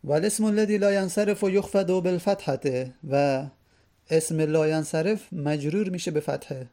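A man teaching a grammar lesson in a methodical, repetitive way. He reads each rule aloud first and then explains it. His voice is fairly high for a man, gravelly, and mellow in tone.

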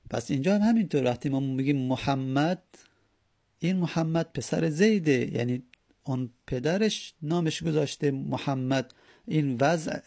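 Guy teaching grammar, raspy low-key voice, goes over every step again and again, dry mic. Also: darkish tone, no echo. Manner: patient, repeats and spells out each step. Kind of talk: Arabic grammar lesson in Persian.

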